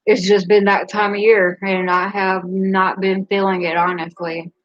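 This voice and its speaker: A woman's voice: medium pitch, level tone, unhurried, muffled recording. A woman hosting a casual live stream, speaking candidly and rambling a little, with a laugh between her thoughts. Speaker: livestream host.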